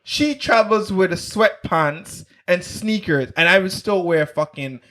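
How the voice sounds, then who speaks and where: A middle-aged man from Antigua, co-hosting a podcast, talking in an animated way, swearing and jumping in. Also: high voice, unhurried. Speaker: podcast co-host. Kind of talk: casual chat.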